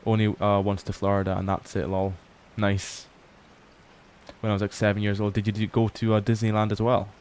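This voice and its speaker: A man's voice: on the low side, monotone, a little fast, darkish tone, a little hiss or hum. A tired young man casually chatting on a livestream, reading chat aloud and swearing often. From Scotland. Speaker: livestream host. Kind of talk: casual late-night stream chat.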